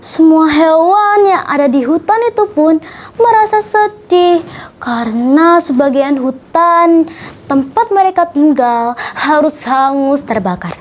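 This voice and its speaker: Reading a story for children, a young female storyteller uses a high voice and a theatrical delivery that is both expressive and deliberate.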